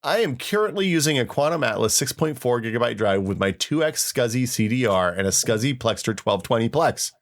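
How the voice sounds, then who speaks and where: With few pauses, a podcast host speaks fairly quickly and expressively at a medium pitch. He chats casually, reminisces, reads aloud, and spins stories in an informal, wryly exaggerated manner.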